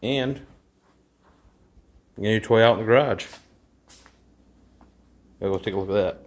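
A man's voice: lowish voice, measured pace. A man talking offhandedly while filming his garage and yard on his phone. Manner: offhand, rambling, with fillers. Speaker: vlogger. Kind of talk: casual walkthrough vlog. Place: garage and yard, partly outdoors. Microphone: phone held while filming.

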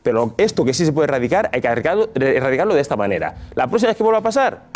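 A man's voice: mid-range voice, sing-song, racing, soft background music. A young man arguing emphatically as a sports pundit in a heated television debate. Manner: emphatic, argumentative.

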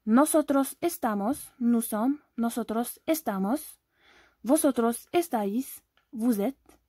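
A woman's voice: fairly high pitch, takes it slowly, mellow, husky, dry recording, clean studio sound. A woman from Algeria teaching an online language lesson, explaining step by step and often checking that viewers follow.

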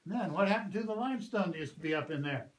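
A man's voice: high voice, animated, racing. A man working as a park ranger, giving a guided cave tour in a patient, explanatory way. He often checks in with the group. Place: visitor center lobby, then inside a cave. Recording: echoey cave with loud ambient noise.

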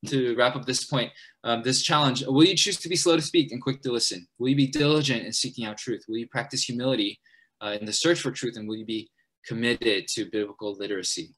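A young adult man leading a church seminar for college students. He talks in a hurried, earnest way, with many fillers and restarts. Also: medium pitch, a bit bright, husky. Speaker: college ministry leader at a church.

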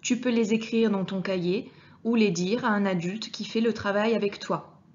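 A woman teacher giving a clear reading lesson to young children, speaking to the child directly and sounding out each letter with care. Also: mid-range voice, steady tone, a little mellow, lo-fi sound. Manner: patient, addresses the child directly, deliberately articulated sounds. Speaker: primary school teacher.

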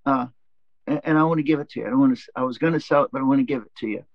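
A man's voice: medium pitch, racing, no echo, close to an everyday voice. A man voicing a kindly little old grandmother neighbor who sweetly calls him honey, in a dull, dry recording.

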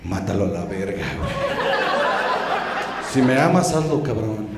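A man with a Mexican accent voicing a crude, demanding male God who gives gruff orders in coarse slang. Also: lowish voice, animated, measured pace, heavy background noise, voice pushed down. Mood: stern. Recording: roomy live club with audience laughter.

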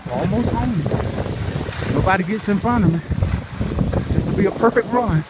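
With a voice that sits high, a middle-aged skier filming his own run gives viewers live first-person commentary in short, repeated phrases, clearly exerting himself. Loud wind and rushing ambience fill the handheld phone or camera recording on the slope.

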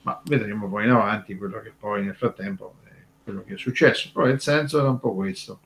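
A radio show co-host and commentator explains things conversationally, wandering off course, hesitating, and repeating words as he goes. His voice is on the low side and fairly bright, and he speaks fast.

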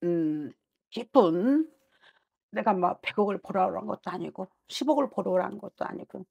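A woman's voice: mid-range voice, animated, moderate pace, creaky, darkish tone, slightly rough. A middle-aged woman works as a fortune teller and talks from her desk in a small shrine office. She is blunt and scolding, and she speaks her client's inner thoughts aloud, pressing hard on every point. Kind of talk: fortune-telling consultation.

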